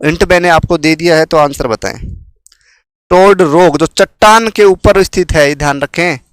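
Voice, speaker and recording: A man's voice: a little high, normal speed, smooth, no room sound. Man quizzing viewers on exam questions. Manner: repeats questions, quizzes viewers before revealing answers. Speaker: exam-prep teacher. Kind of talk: quiz-style exam coaching.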